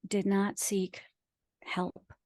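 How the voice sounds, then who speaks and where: A Pakistani woman for whom English is a second language speaks as an author and guest in a reflective interview, earnest, emphatic and philosophical. Her medium-pitched voice is monotone, very slow and a little mellow. The recording is dry and studio quality.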